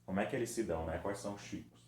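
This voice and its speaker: In an echoey room with a little background noise, a man records a review lesson for kids, slowly and patiently sounding out words one syllable at a time. He has a Brazilian Portuguese accent and a fairly low, darkish voice.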